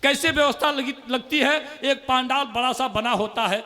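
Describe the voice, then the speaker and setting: A man with a Bhojpuri accent performing as a comic poet on stage, joking with the crowd and reciting his verses slowly. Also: extremely high pitch, bright, forceful tone, in a large hall. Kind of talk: humorous stage poetry recital.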